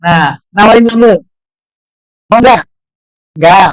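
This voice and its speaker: A male Islamic preacher at a boarding school gives a religious talk in a fairly high voice. He tells stories with lively energy and slips English phrases in among his words. The sound is dry and close. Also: takes it slowly, dry recording, rough recording. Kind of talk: religious study talk with storytelling.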